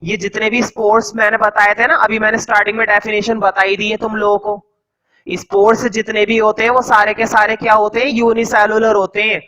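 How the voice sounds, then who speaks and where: A man teaching a class, slowly dictating notes word by word and asking the students quick questions in between. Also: high voice, monotone, sharp tone, rough recording. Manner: quizzes students with rhetorical questions; teasing, joking. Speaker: science teacher. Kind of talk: classroom lecture.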